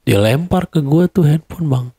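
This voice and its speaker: A young man with a Jakarta accent telling a personal story in a casual, animated way. He acts out quarrels in a raised voice. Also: on the high side, moderate pace, breathy edge, no echo.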